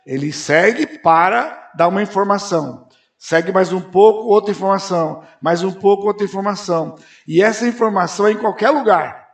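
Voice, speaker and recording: High gravelly preacher in a hall. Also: male voice, normal speed. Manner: questions the audience and answers himself, bursts into loud emphatic rises. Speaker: pastor. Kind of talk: expository Bible teaching at a conference. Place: church auditorium. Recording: roomy church hall.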